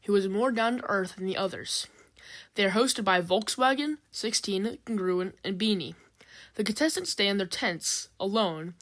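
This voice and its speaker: A woman narrating a homemade audiobook of a fan story, reading each line in a lively voice. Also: medium pitch.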